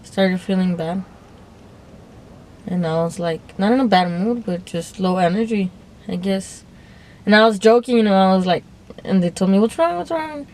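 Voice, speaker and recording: A woman's voice: medium pitch, moderate pace, pauses often, a little mellow, slight background noise. A young woman talking to her phone camera in a casual, confessional monologue, hesitant and rambling, often restarting and trailing off. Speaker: vlogger.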